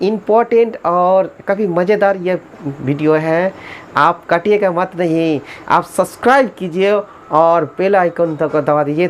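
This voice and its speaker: A woman teaching a spelling lesson in Hindi, spelling English words slowly letter by letter and urging viewers to subscribe. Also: lowish voice, slight background noise.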